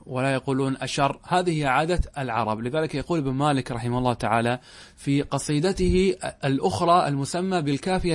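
A middle-aged man giving a classroom lesson on Arabic grammar, asking questions and repeating key words slowly for emphasis. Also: fairly high pitch, no room sound.

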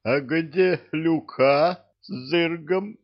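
A man's voice: mid-range voice, sing-song, slow, dull audio, voice pushed up. A man voicing a whiny, tearful young knight who whimpers as he speaks. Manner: whimpering, sobbing speech.

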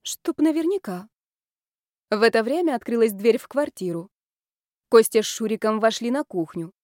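A woman narrating a first-person romance novel in a lively, expressive way. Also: on the high side, fairly quick, no room sound, clean studio sound. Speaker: audiobook narrator.

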